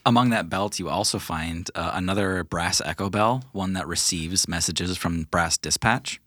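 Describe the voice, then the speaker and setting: A man narrating as game master of a tabletop game, relaxed and chatty with plenty of fillers. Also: low voice, normal speed, no room sound, clean studio sound.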